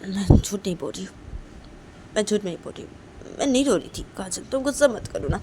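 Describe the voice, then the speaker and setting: A woman voicing a young woman in a spoken love story, tearful and pleading, who keeps apologizing softly. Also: mid-range voice, animated, fairly quick, a little hiss or hum, close to an everyday voice. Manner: soft pleading, repeats sorry. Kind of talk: storytelling role-play.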